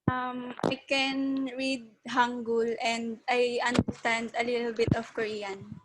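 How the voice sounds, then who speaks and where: Female student from the Philippines, video call, careful and hesitant, fairly high. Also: little pitch movement, slow pace, background noise. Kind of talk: answering in an online class.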